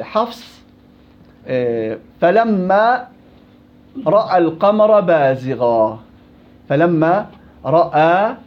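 A man teaching a recitation class, asking students questions and quoting verses. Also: high voice. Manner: questioning, explains with examples and quoted verses. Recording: dull lo-fi classroom recording.

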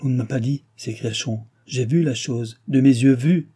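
A man voicing an excitable, tearful young noblewoman who talks in an insistent way. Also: medium pitch, moderate pace, husky, close to an everyday voice. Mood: upset.

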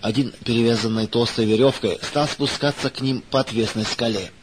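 Measured male storybook narrator, gentle, middle pitch, light background hiss. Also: steady tone. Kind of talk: scripted narration of a children's story.

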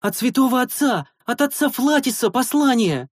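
A man voicing a skinny, excitable teenage boy, a church novice, who calls out eagerly. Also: very high-pitched, moderate pace, no room sound, clean studio sound, pitched above the performer's own voice. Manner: eager, shouting.

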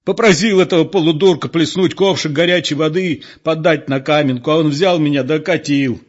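A man doing a gruff, furious, mocking man. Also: a little high, fairly quick, pitched above the performer's own voice, close to an everyday voice. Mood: angry. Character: burly man, scalded and furious. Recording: dull lo-fi audiobook recording.

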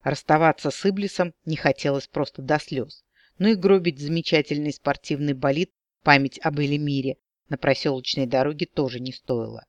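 A man narrating an audiobook in a measured, expressive reading. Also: a little high, no room sound.

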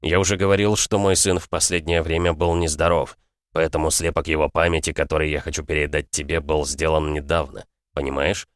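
A man voicing a calm older aristocrat father in an audiobook, measured and coldly matter-of-fact. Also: very deep voice, no room sound, studio quality. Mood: explaining. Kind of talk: audiobook character voice.

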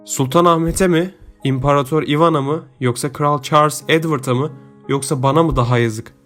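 A man's voice: a little high, fairly even intonation, fairly quick, a bit bright, faint music behind, close to an everyday voice. A man reading an audiobook, voicing a naive, earnest young man who talks eagerly and exclaims often. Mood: plaintive.

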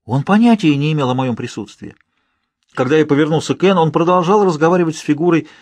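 A man narrating an audiobook in the first person, with steady, measured storytelling. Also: a little high, no echo.

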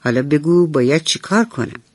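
A woman voicing a sleepy, easygoing pair of pliers that talks in a drowsy, relaxed way in a radio bedtime story. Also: low voice, dry recording.

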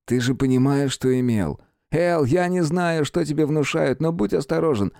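A man's voice: on the high side, moderate pace, creaky, a little mellow, no echo, clean studio sound, pitched above the performer's own voice. A man voicing a cheeky young man who teases his friend wryly. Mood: teasing. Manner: teasing, wry.

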